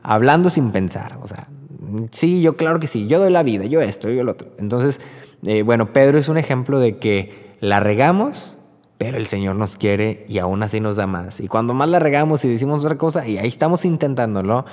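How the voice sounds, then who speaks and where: A man with a Mexican accent giving an informal Bible reflection, telling the story in a lively, conversational way with many fillers. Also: mid-range voice, a little fast. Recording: long hall reverb.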